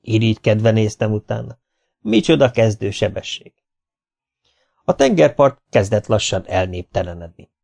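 A man reading a first-person humorous memoir as an audiobook, lively and expressive. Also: on the low side, creaky. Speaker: audiobook reader. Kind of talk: scripted first-person narration.

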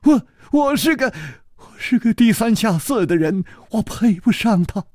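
A man's voice: sits high, expressive, measured pace, darkish tone, dry recording, clean studio sound, voice pushed up. A man voicing a timid, tearful young male servant who stammers and pleads.

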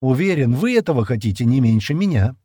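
A man's voice: mid-range voice, big pitch swings, fast, warm tone, slightly rough, dry recording, clean studio sound, pitched above the performer's own voice. A man reading an audiobook, voicing a cocky, bossy male spaceship pilot who talks in a curt, sneering way. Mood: calm, confident.

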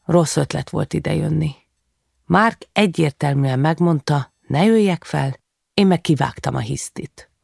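A woman reads a first-person novel aloud in a measured, subdued, confessional manner. Her voice carries a gravelly, fry-edged texture in a dry, close recording with no room sound. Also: low-pitched, darkish tone, no echo. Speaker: audiobook narrator. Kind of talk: first-person literary narration.

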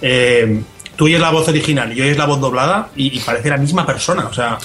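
Fast-talking, opinionated Spanish man. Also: mid-range voice. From Spain. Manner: emphatic, opinionated, laughs easily. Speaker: podcast co-host. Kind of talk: casual film podcast chat.

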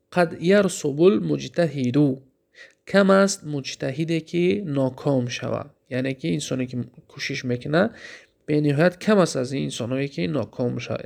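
A man with a Tajik accent teaching an Arabic grammar lesson, asking questions and answering them himself, and reciting the Arabic examples slowly. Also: fairly high pitch, gravelly, a little mellow. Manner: explaining, asks questions then answers them.

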